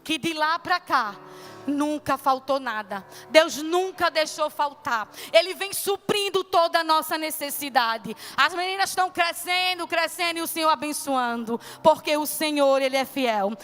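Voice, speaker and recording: A woman's voice: high-pitched, moderate pace, fairly bright tone, faint music behind. A woman preacher giving a fervent, exclamatory testimony sermon to her church congregation. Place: church service.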